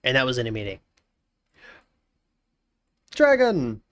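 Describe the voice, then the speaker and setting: A man in his twenties with a mid-range, blocked-nose voice chats casually and jokingly on a live stream, greeting chat warmly. His pitch swings hugely, he takes things slowly, and he often trails off into mumbles. The recording is dry.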